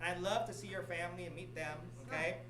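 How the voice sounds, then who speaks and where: This fast-talking man has a high voice and a steady tone, with background noise behind him. He's a middle-aged Vietnamese real estate broker or office manager giving announcements at a meeting, repeating himself and regularly asking "okay?".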